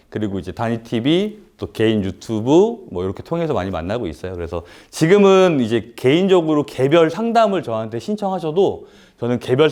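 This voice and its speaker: A paid business seminar lecturer talks live to an indoor audience despite a throat cold. His voice sits in the mid range with a slightly mellow quality, and he keeps things casual, throwing out rhetorical questions and plenty of "uh."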